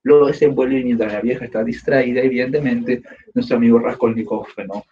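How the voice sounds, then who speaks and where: A man teaching literature in a lively storytelling lecture, acting out scenes with sound effects and tag questions. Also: mid-range voice, brisk. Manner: acts out scenes with sound effects and character voices, frequent "¿no?". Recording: slightly dull, faint background noise.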